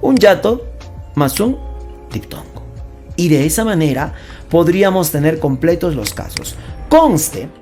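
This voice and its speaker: A woman teaches a playful grammar lesson with a lively voice that swings widely in pitch, set a little low for a woman. She stretches words out slowly and stresses each sound, adding chatty jokes along the way. Soft music plays underneath. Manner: chatty and joking, with asides. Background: faint background music.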